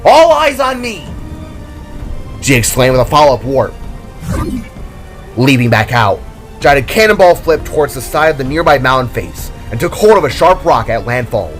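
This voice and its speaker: A man narrates scripted adventure fiction in a dramatic storytelling style, his mid-range voice animated and at a normal speed. Background music plays under his reading.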